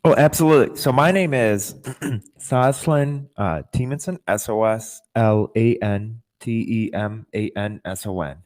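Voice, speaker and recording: With a low-leaning, slightly slow and darkish voice, this man in his twenties recounts his life as an interview guest on a podcast. Born in Russia and adopted in childhood, he keeps restating and rewording things as he explains.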